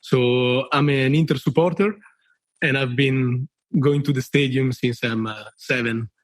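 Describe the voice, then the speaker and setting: A hesitant Italian man in his thirties, a native Italian speaker, tells a story as a listener guest on a casual podcast. He halts often, fills gaps with fillers, and swears and laughs freely. His mid-range voice holds a steady tone, and the recording is dry.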